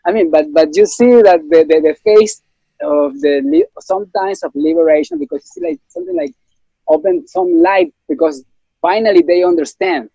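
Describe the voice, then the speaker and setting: A man's voice: on the high side, creaky, warm tone, no echo, lo-fi sound. A man from Ecuador with a Spanish accent, speaking casually as an interview guest with many fillers and restarts.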